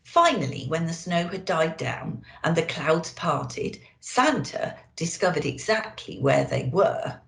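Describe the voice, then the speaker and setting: Woman storyteller, children's book reading, unhurried, very animated intonation, dramatic emphasis, echoey room. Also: deep voice, creaky. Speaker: storyteller in character as a Christmas elf.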